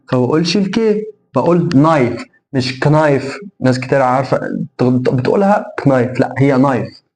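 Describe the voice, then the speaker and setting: A young man with an Egyptian Arabic accent teaching English pronunciation. He repeats each example sound slowly, and he asks his own questions and answers them. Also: medium pitch, darkish tone, a little hiss or hum. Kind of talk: phonetics lesson.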